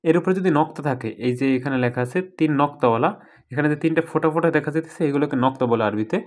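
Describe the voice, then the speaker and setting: A man teaching a recorded lesson on reading the Quran, explaining patiently and drawing out each letter sound slowly as an example. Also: fairly high pitch.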